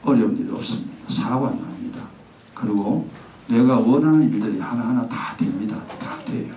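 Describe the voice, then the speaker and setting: Pastor preaching in an echoey church. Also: male voice, medium pitch, fairly quick, gravelly, dark tone, slight background noise. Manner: conversational, acts out a child's pleading voice. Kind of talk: sermon. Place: church sanctuary. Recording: echoey church sound from a distance.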